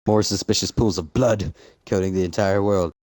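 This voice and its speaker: Deep-voiced young man, halting reading. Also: fairly even intonation, a little mellow, dry recording. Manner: halting, losing his place, restarting lines. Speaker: co-host reading a creepypasta aloud. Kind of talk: casual group reading of a story.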